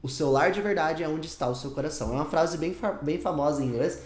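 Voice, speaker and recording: A man teaching English in an online lesson, emphatic and repetitive, saying English example phrases slowly. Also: on the high side, echoey room.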